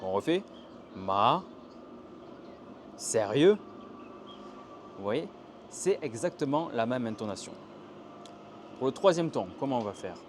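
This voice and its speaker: By a canal in a Chinese city, a young Frenchman teaches Mandarin tones in a casual outdoor video lesson, chatting and animatedly acting out the intonations he describes. His mid-range voice, recorded on a handheld tripod camera, carries a little hiss or hum.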